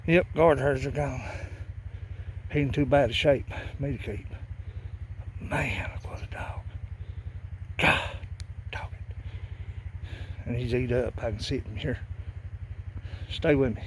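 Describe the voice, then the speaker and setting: A man's voice: medium pitch, measured pace, pauses often, slight background noise. A man filming his trapping rounds outdoors, talking in a folksy, plainspoken rural way to his viewers. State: out of breath. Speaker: trapper vlogger. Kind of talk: outdoor vlog narration. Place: outdoors in fields.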